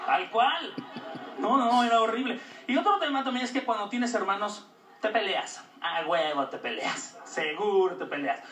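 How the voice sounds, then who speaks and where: A man's voice: high voice, expressive, moderate pace, pushed and bright. A Mexican man doing a stand-up routine, crude, slangy and self-mocking. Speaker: stand-up comedian. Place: comedy stage before an audience. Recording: roomy club audio, distant mic, noisy.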